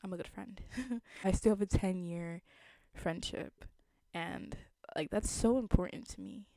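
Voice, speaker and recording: A woman's voice: on the low side, measured pace, dark tone, no room sound. A young adult woman with a slight lisp, chatting casually to viewers as a vlogger in an earnest, reflective, conversational way.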